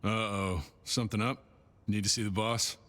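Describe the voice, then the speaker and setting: A man's voice: lowish voice, fairly even intonation, moderate pace, a bit bright, big-room sound, close to an everyday voice. An actor playing a jaded security doorman in a video game, dry and sarcastic.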